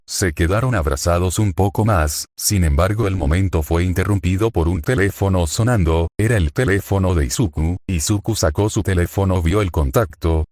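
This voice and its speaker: A man reading a fan fiction story aloud in a flat, unhurried way. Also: sits low, no room sound, studio quality. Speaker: narrator.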